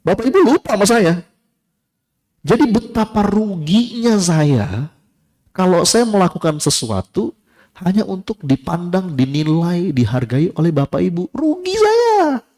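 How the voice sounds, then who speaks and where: Preaching to a live congregation, a male Islamic preacher tells stories vividly and speaks directly to his listeners. His voice sits high and his pace is measured.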